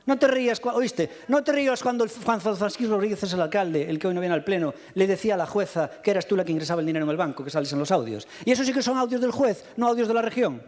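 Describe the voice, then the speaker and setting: A man, answering opponents in a heated council debate with combative, rapid rebuttals into a podium microphone in a council chamber. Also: sits high, lively intonation, darkish tone. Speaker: mayor answering in a council session. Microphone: fixed podium microphone.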